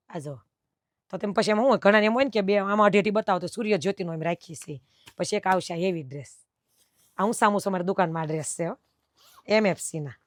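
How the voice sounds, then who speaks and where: Chatty shopkeeper woman, quick speech. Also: mid-range voice, no room sound, studio quality. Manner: chatty, explains at length, quotes customers. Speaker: dress fabric shop owner. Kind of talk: casual talk to camera explaining fabric cuts. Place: her fabric shop.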